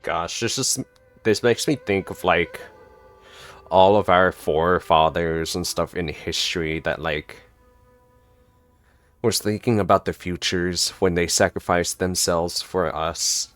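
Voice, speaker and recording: Low-voiced rambling gaming streamer man. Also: unhurried, a bit bright, no room sound, faint music behind. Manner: rambling, filler-heavy, jokey. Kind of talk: casual gameplay reaction commentary.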